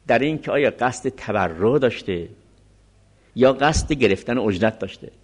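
Man lecturing with lively pitch. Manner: explains step by step, reads Arabic text then restates it. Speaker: seminary teacher. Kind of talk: lecturing on a legal text.

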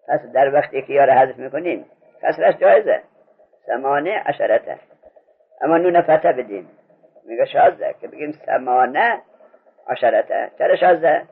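A man's voice: on the high side, vocal fry, slightly rough. A man teaching an Arabic grammar lesson, patiently drilling a student with repeated questions. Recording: muffled lo-fi recording.

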